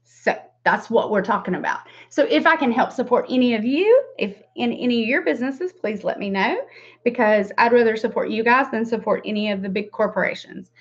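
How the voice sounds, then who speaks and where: Her voice sits a little high, with lively intonation and a fairly quick pace. A forties-aged woman with a Southern US drawl, she sells makeup and hosts a beauty livestream, rambling casually through a tutorial with self-deprecating asides over a dull lo-fi webcam feed.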